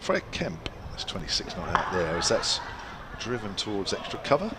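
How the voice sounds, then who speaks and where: A man's voice: low voice, sing-song, normal speed. A man working as a cricket commentator, giving live play and match updates in short, chatty phrases. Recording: clear outdoor ambient noise behind voice.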